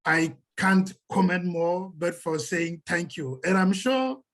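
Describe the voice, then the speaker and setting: Slow, formal, respectful woman. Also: fairly low pitch, expressive. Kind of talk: polite, deferential thanks.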